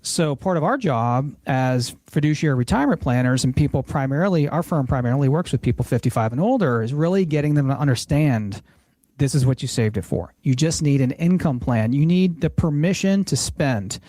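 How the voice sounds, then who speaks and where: The show's host, a financial planner, discusses retirement planning in an easygoing yet earnest tone, often going back over phrases to put a point differently. He talks fairly quickly in a mellow, medium-pitched voice with lively intonation and no echo.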